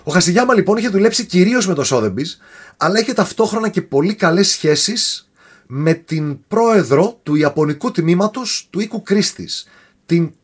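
A man telling a story in a casual podcast chat, animated and often tripping over foreign names. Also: sits high, husky.

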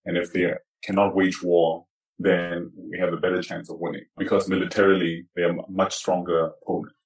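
Man with a disguised, deep altered voice. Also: little pitch movement, a little fast, rough recording. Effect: voice altered to disguise identity, pitched down. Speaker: activist interviewee. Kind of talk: remote interview answers.

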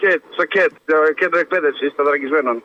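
A man calling in to a radio show by phone, rambling through a story and swearing as he goes. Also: on the high side. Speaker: radio caller. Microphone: telephone. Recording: muffled phone line.

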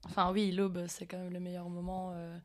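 A woman's voice: on the low side, monotone, normal speed. A woman, co-hosting a casual music chat and speaking reflectively with lots of hesitation. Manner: hesitant, many fillers, reflective. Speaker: podcast co-host.

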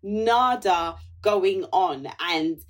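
A woman with a husky voice, chatting casually as a panel guest. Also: medium pitch, lively intonation, very slow. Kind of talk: casual chat.

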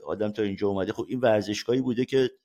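A man's voice: lowish voice, warm tone. A man from Iran, a sports journalist guest, chatting casually on a podcast and often laughing as he tells stories.

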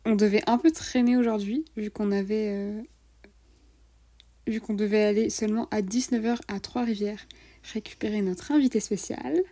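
A woman's voice: medium pitch, steady tone, moderate pace, mellow. A young woman co-hosting a travel podcast, recounting the trip in enthusiastic, slangy casual chat. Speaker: podcast co-host.

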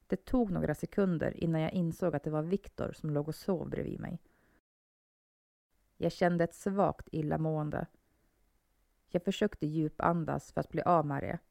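A woman narrating a first-person horror story in a calm, measured reading voice. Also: lowish voice, creaky, no echo, studio quality.

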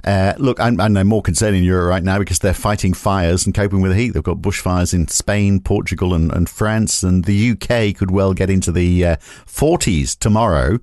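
A man's voice: low-pitched, moderate pace, darkish tone, no room sound. Wry man hosting a markets briefing. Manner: wry, dry asides about market moves. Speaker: host of a morning markets podcast.

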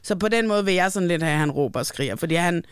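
A woman's voice: on the low side, animated, clear, resonant tone, no echo, clean studio sound. A woman hosting a podcast in casual chat, blunt and emphatic, swearing casually. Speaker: podcast host.

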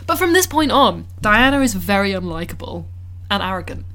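A woman's voice: mid-range voice, big pitch swings, fairly quick, pushed and bright. A woman co-hosting a podcast, casually retelling a film's plot in a chatty way full of "like" and acted-out quotes. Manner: chatty, peppered with "like", acts out characters' lines. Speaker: podcast co-host. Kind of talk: casual film-review chat.

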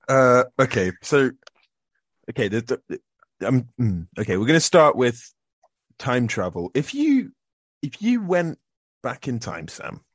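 A man's voice: mid-range voice, no echo. A young man co-hosting a casual podcast chat, laughing often and stumbling through fillers as he sets up a story. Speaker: podcast co-host.

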